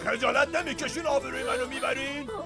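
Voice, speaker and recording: A man dubbing a furious, strict village father in a TV drama, shouting and gravelly. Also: extremely high pitch, fairly even intonation, loud music behind the voice. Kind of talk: dubbed TV drama.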